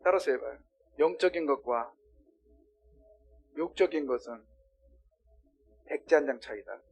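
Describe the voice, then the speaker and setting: A middle-aged male pastor preaching a sermon, swinging between loud impassioned cries and hushed low talk, often asking the congregation questions. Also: measured pace, vocal fry, husky, soft background music. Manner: asks the congregation questions and has them repeat.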